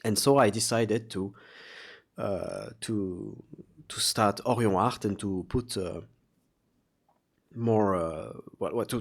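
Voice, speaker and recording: Low-voiced, halting man with a slightly sore throat. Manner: halting, searching for words. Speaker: vlogger, artist. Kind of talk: casual confessional vlog monologue.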